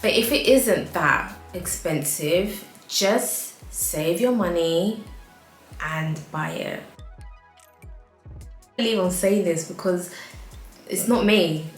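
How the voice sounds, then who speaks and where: Brief: African-accented woman, low-pitched, candid home decor vlogger, echoey room, faint music. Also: slow pace, long pauses. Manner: chatty, frank, laughs often, says "like" a lot. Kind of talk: casual advice vlog.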